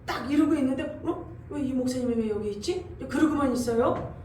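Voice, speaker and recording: A woman pastor preaching a sermon, telling a dream story with lively sound effects and rising into loud exhortation. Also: sits high, brisk, far from the mic. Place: church sanctuary. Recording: echoey church hall, voice from off-mic, faint room noise.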